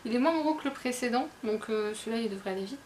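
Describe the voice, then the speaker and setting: A woman's voice: fairly high pitch, fast, a little mellow, a little hiss or hum. A woman talking casually about her books to her viewers, chatty and self-mocking with lots of fillers and restarts. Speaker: book vlogger. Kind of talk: casual chat.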